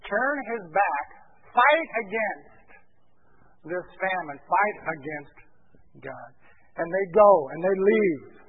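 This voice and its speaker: Preacher man, high and tinny. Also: lively intonation, slow, slight background noise. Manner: asks the congregation questions, then answers himself. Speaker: pastor. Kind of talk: sermon. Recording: tinny phone-like church recording.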